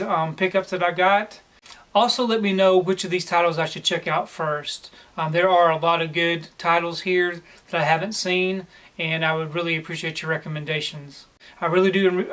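A man in his forties talks in a relaxed, plain way, filling the gaps with um. His voice sits fairly high for a man. He sits at home in a room lined with shelves and speaks toward the camera. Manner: relaxed and plain, with frequent "um" pauses. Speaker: collector vlogger. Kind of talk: casual haul video.

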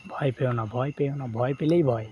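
A man's voice: mid-range voice, normal speed, dark tone, lo-fi sound. A young man leading a nighttime hunt through dense bamboo jungle, narrating tensely to his camera. He keeps repeating urgent warnings and muttered prayers as he walks, and the sound is a noisy outdoor field recording with jungle ambience.

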